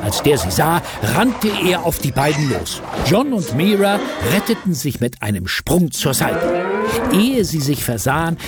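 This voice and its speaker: A man narrating a scripted children's story in an expressive storytelling manner. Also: a little high, measured pace, over loud music.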